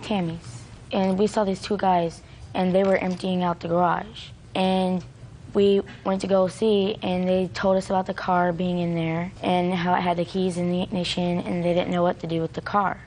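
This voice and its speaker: Flat-toned young American woman giving testimony. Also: fairly low pitch, normal speed, a little hiss or hum, low-quality recording. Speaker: witness in a TV court case. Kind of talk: hesitant recounting of events.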